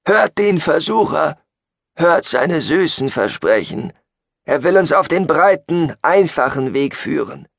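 A man voicing a fanatical male cult leader who preaches martyrdom slowly and solemnly. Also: on the high side, sing-song, creaky, no room sound, studio quality, voice pushed up, heavily acted. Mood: solemn preaching.

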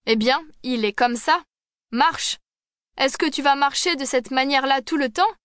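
A woman's voice: sits high, moderate pace, fairly bright tone, no room sound, studio quality, voice pushed up. A woman voicing a mocking young hunchbacked man in a storybook, with a quavering voice and a bossy tone.

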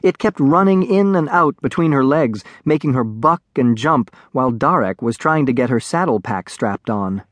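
An expressive male narrator reading a children's story, his pitch rising and falling widely. His voice sits at a middle pitch, and the close studio recording is dry. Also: moderate pace, few pauses, no echo. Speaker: audiobook narrator. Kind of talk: scripted children's audiobook narration.

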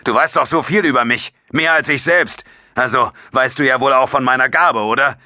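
A man's voice: on the low side, moderate pace, sharp tone, no room sound, clean studio sound, pitched above the performer's own voice. A male narrator voicing a mocking, cynical male soldier who taunts and argues in an audiobook. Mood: heated. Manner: sarcastic, taunting.

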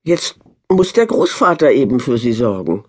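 A woman voicing a hurried, defensive young woman in a storybook reading, firm and brisk. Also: rumbling low, very animated, breathy edge, exaggerated voice.

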